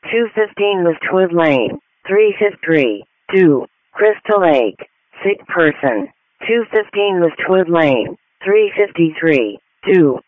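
A man reading out emergency dispatch calls in a slow, clipped, flat-cadence readout, heard over a police-style dispatch radio. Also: sits high, no echo. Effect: dispatch radio over a scanner. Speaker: automated fire dispatch announcer. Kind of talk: repeated tone-out call readout. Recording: tinny, dry radio scanner audio.

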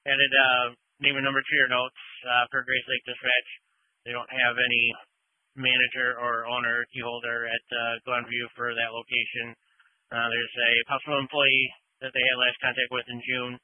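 Monotone male police dispatcher on radio. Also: medium pitch, moderate pace, no room sound. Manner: matter-of-fact. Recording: dull, narrow two-way radio audio.

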